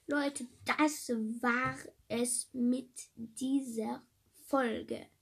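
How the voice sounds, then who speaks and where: Woman doing a let's play, talks slow and jokey with viewers, kinda high. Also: vocal fry, breathy edge. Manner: chatty and excitable, jokes with viewers, drops to whispers. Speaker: gaming video creator. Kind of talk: casual let's-play commentary.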